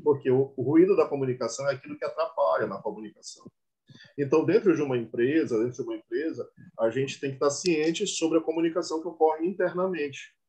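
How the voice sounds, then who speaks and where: A man's voice: on the high side, fast talker, mellow. A man with a Brazilian Portuguese accent teaching an online class, often repeating himself and checking that students follow. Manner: repetitive, asks students for confirmation often.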